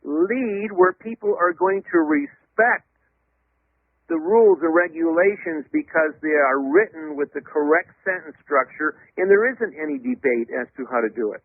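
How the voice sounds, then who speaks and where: This radio interview monologue features a legal theorist as guest, talking loudly, emphatically and didactically, sometimes spelling words out letter by letter. His voice is a little high and expressive at a normal speed, with no echo, though the sound is dull and lo-fi like radio or phone audio.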